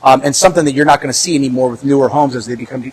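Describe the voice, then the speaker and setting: A real estate agent gives a casual tour inside a large house, talking very fast in a mid-range, steady, husky voice on a low-quality recording. His walkthrough commentary is chatty and upbeat, full of fillers and easy laughter.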